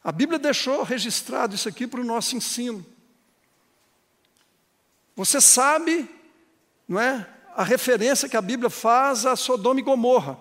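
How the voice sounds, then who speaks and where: A man's voice: very high voice, expressive, moderate pace, pauses often, fairly bright tone. A man preaching a sermon as pastor, building to emphatic, emotional passages and acting out conversations with churchgoers. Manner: acts out dialogues with congregants. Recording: long hall reverb.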